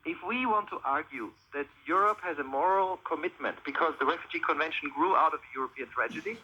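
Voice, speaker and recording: A man's voice: a little high, sharp tone. Man over hissing, whistling shortwave radio. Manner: argues in measured, structured points. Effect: shortwave radio reception with whistling interference. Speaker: policy expert guest. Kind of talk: debate on a radio broadcast. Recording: noisy, muffled shortwave radio.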